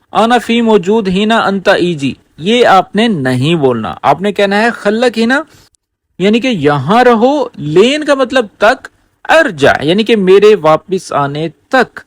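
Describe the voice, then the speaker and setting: High, lively man teaching spoken Arabic. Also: no room sound. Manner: explains slowly, repeats phrases word by word. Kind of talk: language lesson.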